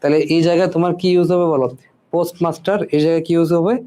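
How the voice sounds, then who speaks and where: A male teacher walks students through a spelling lesson. His voice is mellow and dark in tone and pitched a little high for a man. He repeats each word several times and keeps checking in with his listeners. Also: level tone, rapid-fire. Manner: repeats words and keeps asking "ঠিক আছে?".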